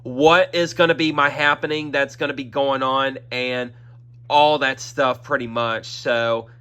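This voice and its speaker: A man's voice: medium pitch, steady tone, a little slow, bright, forceful tone, clean tone. Congested man rambling on his vlog. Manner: repetitive, circles back with fillers like "that is" and "y'all". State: congested throat, occasional coughing. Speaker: YouTube channel host. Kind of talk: rambling casual vlog announcement.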